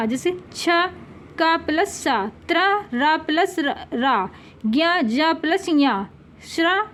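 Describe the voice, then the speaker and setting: A woman teaching a grammar lesson for exam preparation, repeating each sound and word slowly for her pupils. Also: sits high. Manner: slow, drawn-out repetition of sounds and words for pupils.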